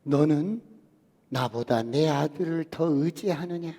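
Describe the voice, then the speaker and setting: A man preaching voices God, a solemn male deity, speaking slowly and low in a questioning way. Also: warm tone, breathy edge, in a large hall, exaggerated voice.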